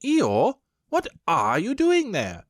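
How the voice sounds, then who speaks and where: A man voicing a brisk, bossy rabbit who speaks in a commanding tone. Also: high-pitched, wildly swooping pitch, dry recording, studio quality, voice pushed up, exaggerated voice.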